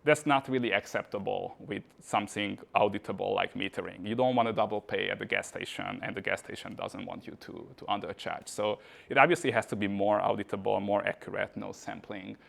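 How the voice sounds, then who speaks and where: Gravelly man giving a talk. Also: fairly low pitch, fairly quick, fairly bright tone. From Hungary. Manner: casual, frequent "uh" and "kind of" fillers. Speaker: conference speaker. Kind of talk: tech meetup talk. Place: meetup venue.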